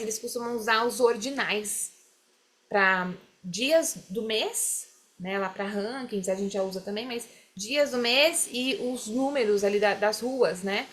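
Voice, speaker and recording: A woman teaching English, explaining phrases slowly and having students repeat them. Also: medium pitch. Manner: drills phrases slowly, mixes English lines into Portuguese explanation. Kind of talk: classroom explanation.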